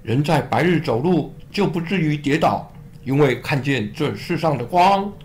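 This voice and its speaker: A man voicing a calm, solemn male teacher in a children's Bible story, in a slightly lower voice. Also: normal speed, a little hiss or hum, close to an everyday voice.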